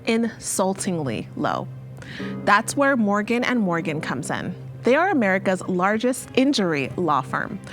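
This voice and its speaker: A woman host reading a sponsor ad in an upbeat, persuasive way. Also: mid-range voice. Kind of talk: sponsor read.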